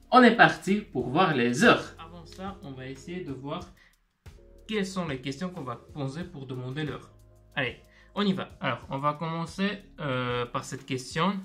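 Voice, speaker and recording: A man's voice: medium pitch, a bit bright. A man teaching a video language lesson, explaining step by step and patiently repeating words for learners.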